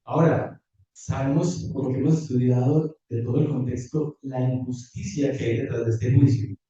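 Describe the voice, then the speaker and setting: Distant preacher in an echoey church. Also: male voice, medium pitch, fairly even intonation, moderate pace, dark tone, dull audio. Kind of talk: sermon with scripture reading. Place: church hall.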